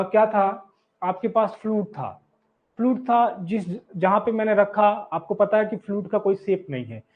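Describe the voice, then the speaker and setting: A man teaching an engineering exam class, who keeps asking the students questions and answering them himself while repeating key terms. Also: sits high. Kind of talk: classroom lecture. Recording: tinny phone-like sound.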